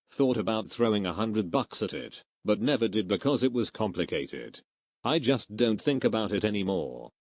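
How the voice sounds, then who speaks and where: A man with a low voice reads online posts aloud as scripted narration. He keeps a steady, even delivery with no fillers. The recording is dry and close. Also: no echo.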